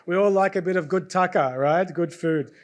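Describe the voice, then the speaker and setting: A high-pitched, moderately paced Australian man with an Australian accent is hosting a student presentation event in a university lecture hall. He chats with the audience, repeatedly asks "right?", and quizzes the crowd in a lively way.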